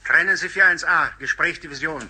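A man playing a brisk regimental signaller dictating formal, clipped orders over a field telephone in a war radio play. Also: fairly high pitch, crowd noise. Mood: urgent, official.

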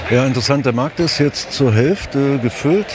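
A man's voice: mid-range voice, normal speed, over music, crowd noise. A man reporting on the spot from a square, wry as he observes the scene. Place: outdoors in a town square.

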